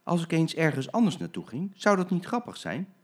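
A man's voice: on the high side, sing-song, brisk, voice pushed up. An older man voicing a playful, cheeky bus driver who chuckles and teases his passengers, in a children's story read aloud. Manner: chuckling, teasing.

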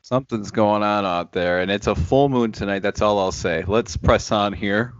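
A man's voice: on the low side, moderate pace, dry recording, dull audio. A man hosting a casual podcast chat, playful and teasing, recorded over a video call. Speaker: podcast host.

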